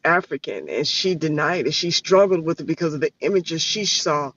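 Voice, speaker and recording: A man's voice: a little high, animated, moderate pace, fairly bright tone, slight background noise. A man speaking earnestly and passionately as a guest, sometimes searching for words. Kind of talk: earnest reflective speech. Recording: dull lo-fi online audio.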